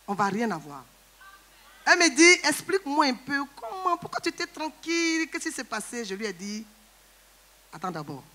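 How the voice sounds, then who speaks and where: A woman's voice: high voice, big pitch swings, bright, forceful tone. A woman giving a personal testimony in a church service, earnest and recounting. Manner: earnest, recounting, quick replies.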